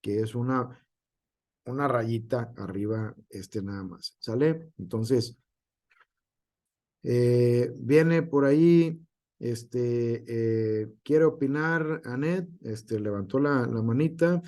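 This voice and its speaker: Slow, hesitant male teacher. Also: mid-range voice, a little mellow. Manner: hesitant, many fillers. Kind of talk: online class lesson.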